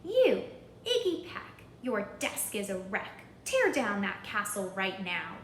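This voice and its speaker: A woman's voice: medium pitch, huge pitch swings, takes it slowly, reverberant, a little hiss or hum. A woman voicing a strict, severe female schoolteacher from a storybook, dramatic and emphatic. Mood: scolding. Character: strict, severe female second-grade teacher, scolding and easily panicked.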